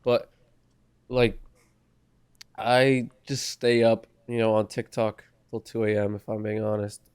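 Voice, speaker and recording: A man's voice: fairly low pitch, level tone, measured pace, a little mellow, clear, resonant tone. Laid-back young man on a casual podcast. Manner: laid-back, hesitant, laughs easily. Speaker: podcast co-host. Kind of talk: casual chat.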